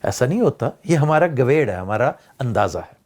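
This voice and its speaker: A man's voice: medium pitch, big pitch swings, darkish tone. An older man, musing aloud as a vlog host in casual commentary and mixing in English words. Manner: discursive, rising and falling emphasis, mixes in English words.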